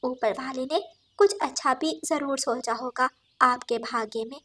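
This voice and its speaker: A woman voicing a kind female sparrow in a cartoon, soft and soothing. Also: high-pitched, measured pace. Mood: gentle.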